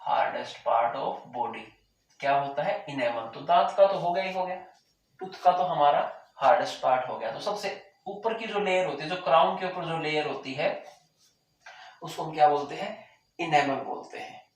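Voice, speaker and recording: A man teaching a lesson, repeating key terms and asking the class whether it is clear, with a sore throat that keeps making him clear it. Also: on the high side, expressive, normal speed. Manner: repeats key terms, asks rhetorical check questions. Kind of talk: classroom lecture. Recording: very echoey room, mic far off.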